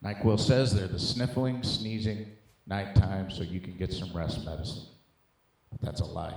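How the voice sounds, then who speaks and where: A middle-aged American man's low, gravelly, darkish voice carries fairly even intonation at a moderate pace during profane stand-up. He talks conversationally and emphatically to the live audience, calling them dude and guys, in an echoey comedy room.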